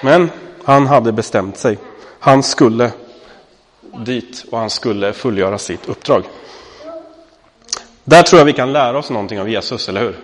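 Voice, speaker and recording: Chatty pastor preaching in a reverberant hall. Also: male voice, mid-range voice, pauses often. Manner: conversational, many fillers, asks the congregation questions. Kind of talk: sermon.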